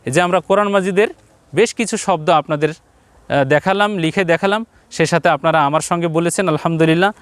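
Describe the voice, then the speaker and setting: A man teaching Quran reading on a TV lesson, addressing viewers directly, repeating points and drawing out syllables slowly. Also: sits high, clear, resonant tone, no echo. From Bangladesh.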